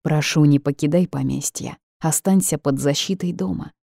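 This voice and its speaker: A woman voicing a quiet, mysterious grown man who speaks gently and with resolve in an audiobook. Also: sits low, normal speed, gravelly, dry recording, studio quality. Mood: resolute.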